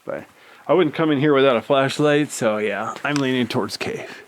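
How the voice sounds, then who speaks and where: The handheld recording, made inside a cave, has clear background noise. It captures a man filming his own exploration and chatting in a laid-back, rambling tour style, his mid-range voice at a moderate pace.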